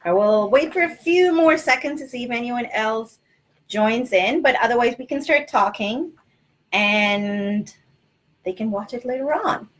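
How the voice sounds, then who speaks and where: A woman's voice: a little high, measured pace, slight background noise. A woman from Sri Lanka, a mother in her thirties, patiently quizzing her young children in a casual home livestream lesson. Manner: patient, asks kids questions. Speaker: parent hosting a livestream lesson. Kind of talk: casual teaching chat with children. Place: small city apartment.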